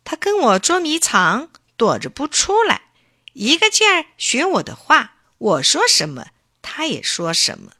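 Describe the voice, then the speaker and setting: A woman voicing a cheerful, impatient little boy in a children's storybook reading, exclaiming in a high voice. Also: wildly swooping pitch, a little slow, sharp tone, breathy edge, dry recording, studio quality, exaggerated voice. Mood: eager.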